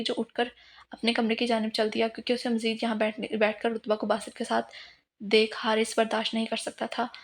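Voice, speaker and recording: A woman reads a romance novel aloud with steady, scripted narration. Her voice is slightly high and holds a flat, level tone. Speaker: novel reader.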